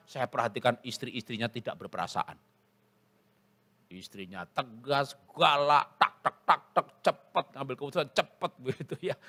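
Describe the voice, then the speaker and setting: A middle-aged male pastor preaching a humorous sermon, telling lively stories and acting out dialogue at a church service. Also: fairly high pitch. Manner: lively storytelling, acts out dialogue.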